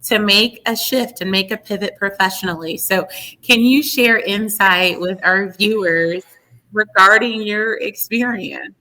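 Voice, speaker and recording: Bright upbeat woman podcast host. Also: medium pitch, a little slow. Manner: upbeat, enthusiastic. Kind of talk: podcast interview hosting.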